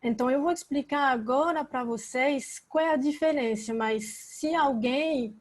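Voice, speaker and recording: French woman teacher, non-native French accent, slow and halting, slightly high voice, video call mic. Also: darkish tone. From France. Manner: hesitant, searching for words. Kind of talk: explaining in an online meeting.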